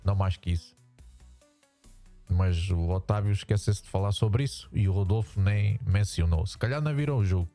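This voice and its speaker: A man's voice: moderate pace, warm tone, soft background music. A man with a European Portuguese accent, his voice run through a voice changer, talking casually to viewers in a rambling way with many restarts. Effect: voice changer, pitched down. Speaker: YouTuber reacting to a sports show.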